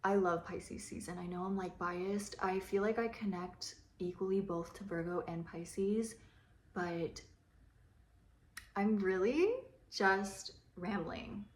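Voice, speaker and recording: A woman's voice: mid-range voice, steady tone, slow, a little hiss or hum. A young woman chatting casually in a rambling, chatty way, swearing now and then while she does her makeup. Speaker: beauty vlogger. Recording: roomy echo.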